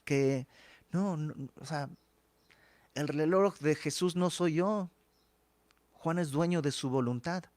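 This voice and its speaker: A man's voice: a little high, takes it slowly, long pauses, a little mellow, no room sound. A man teaching a verse-by-verse Bible study in a conversational way, acting out the dialogue of the text.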